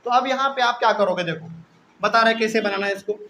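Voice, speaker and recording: Guy teaching math, high voice, asks stuff then answers it himself, bit of hiss. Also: fairly quick, pushed and bright, poor audio. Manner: explains step by step, asking and answering his own questions. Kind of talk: classroom math lesson.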